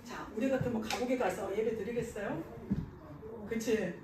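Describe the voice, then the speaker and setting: A woman's voice: fairly high pitch, normal speed, noisy background. A woman giving a sermon to children in a church, asking the kids questions and answering them herself. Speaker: children's pastor. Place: church sanctuary. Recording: echoey church hall, mic far off.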